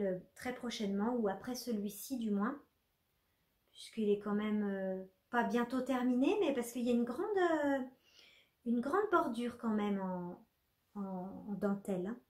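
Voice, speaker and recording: A woman's voice: a little high, a little mellow, roomy sound. A young woman talking casually about her knitting projects, chatty and full of little fillers and restarts. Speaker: knitting podcaster. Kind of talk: casual knitting vlog chat.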